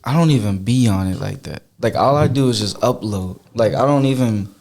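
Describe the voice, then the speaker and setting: A man telling his story in a relaxed podcast chat as a guest, full of slang and filler. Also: fairly low pitch, a little fast, vocal fry. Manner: laid-back slangy storytelling. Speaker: guest YouTuber.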